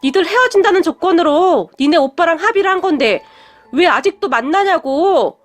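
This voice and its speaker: A woman's voice: extremely high pitch, expressive, normal speed, pitched above the performer's own voice. A woman voicing a haughty, wealthy middle-aged mother who sneers and scolds her son's girlfriend. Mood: sneering haughty.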